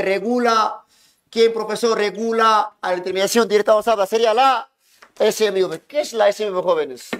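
A man lecturing a classroom as economics teacher, hushing students and repeating himself to make points stick. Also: high-pitched. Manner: keeps hushing and calling on students, repetitive.

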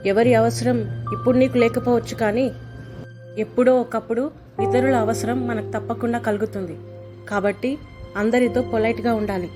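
A woman's voice: a little high, natural voice. A woman playing a devout mother scolding her grown son with earnest, preachy warnings, in an amateur short drama.

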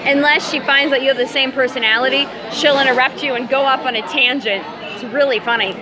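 A woman's voice: high-pitched, steady tone, a little fast, a loud crowd, poor audio. A woman in her thirties talks casually into a phone held at arm's length outdoors, rambling with fillers and restarts. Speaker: vlogger. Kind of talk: casual selfie vlog. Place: outdoors by city buildings.

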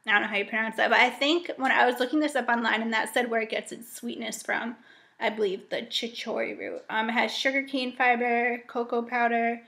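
A woman's voice: on the high side, fairly even intonation, fairly quick, creaky, bright, forceful tone. Chatty young woman vlogging a haul. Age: young adult. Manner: chatty, upbeat, frequent ums and likes. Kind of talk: casual grocery haul vlog. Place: home dining room indoors.

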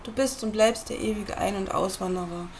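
A woman reading a book aloud at a computer, in a measured, earnest way, as if speaking straight to the listener. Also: mid-range voice, steady tone, slight background noise. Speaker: reader.

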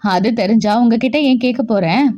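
A woman's voice: fairly high pitch, normal speed, darkish tone, lo-fi sound, lightly acted. A woman voicing an injured young adult son who talks plainly and teases his mother lightly in a storybook reading. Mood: casual, teasing. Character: young adult man, injured son, moody then teasing.

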